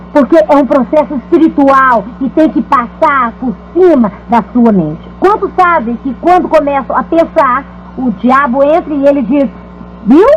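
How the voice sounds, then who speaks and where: A woman preacher teaches a congregation with lively, animated delivery. Her voice sits high. The recording is dull and lo-fi with a faint hum behind it. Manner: lively, chanting repeated words in demonstration. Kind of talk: dubbed teaching talk to a congregation.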